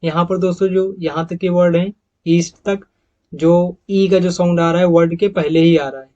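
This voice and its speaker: A man teaching English pronunciation over slides, repeating each example word slowly and calling his viewers friends. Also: high-pitched, fairly even intonation, warm tone, dull audio. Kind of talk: slide-based pronunciation lesson.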